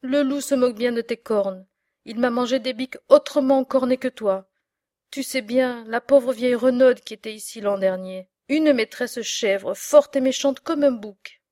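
A woman's voice: fairly high pitch, moderate pace, darkish tone, no echo, studio quality, close to an everyday voice. A woman playing a worried, kindly old male farmer, pleading and fretful.

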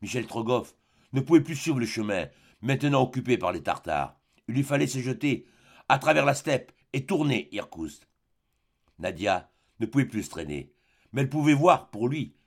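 A man narrating an audiobook with measured, dramatic delivery. His voice sits in a middle register as he tells the story. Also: mid-range voice, sing-song.

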